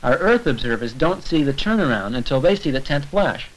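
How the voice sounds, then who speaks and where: A man with a mid-range voice narrates an educational science short, animated and a little fast. His delivery is informal and conversational, like a lecture that explains things step by step. The audio is a noisy old 1970s film soundtrack full of clicks.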